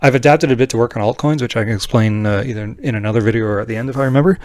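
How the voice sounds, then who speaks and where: A man's voice: medium pitch, racing, a little mellow, no echo. A man giving an unscripted, informal tutorial in a blunt way, often tagging his points with a questioning "right?". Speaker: trading tutorial presenter. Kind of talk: casual screen-share tutorial, unscripted explanation.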